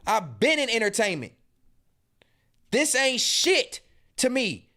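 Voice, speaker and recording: Reacting to a stream clip, a man in his thirties hosts a podcast and tears into the people in it with profane, mocking, confrontational commentary. He speaks slowly at an extremely high pitch, with huge pitch swings and a pushed, bright sound.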